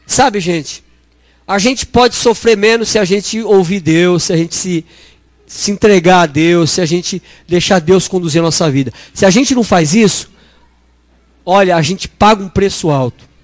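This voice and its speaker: A middle-aged Brazilian man preaching a lively sermon full of storytelling, who acts out dialogue and calls his listeners brothers. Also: high-pitched, normal speed, dry recording. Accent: Brazilian Portuguese. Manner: animated, acts out dialogue, addresses congregation as brothers.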